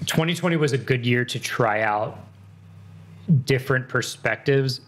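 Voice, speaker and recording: A man's voice: medium pitch, unhurried, fairly bright tone, slight background noise. Man in his thirties, casual chat, rambling, restarts a lot, swears freely. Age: 30s.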